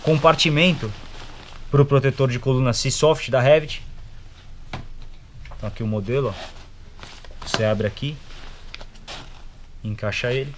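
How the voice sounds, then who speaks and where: Speaking at a measured pace with frequent pauses, a young Brazilian-accented man gives a slangy, casual product review in clipped little phrases. His pitch is medium. He's indoors at a motorcycle gear shop, and the shop's background noise comes through clearly.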